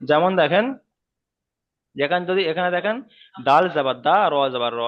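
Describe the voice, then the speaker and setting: A man's voice: on the high side, moderate pace, dull audio. A man teaching Quran letter pronunciation in an online class, patiently repeating letters and syllables. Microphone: video call.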